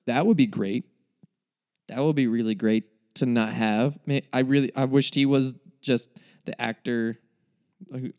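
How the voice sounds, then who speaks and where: A young man talks through a film review in a loose, rambling way, stopping and restarting his sentences with theatrical despair. His voice is smooth and clear, sitting at an ordinary middle pitch. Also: darkish tone. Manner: rambling, self-interrupting, mock-dramatic. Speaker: movie reviewer. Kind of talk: casual spoken movie review.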